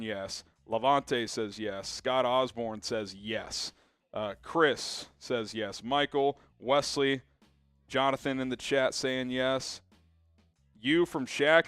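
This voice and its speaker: Young guy hosting a live sports stream, smooth clear voice, dry sound, chatty and upbeat. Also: mid-range voice, slow pace, dry recording, soft background music. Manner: energetic, chatty, many fillers. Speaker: sports show host. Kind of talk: live-stream sports talk, reading viewer chat.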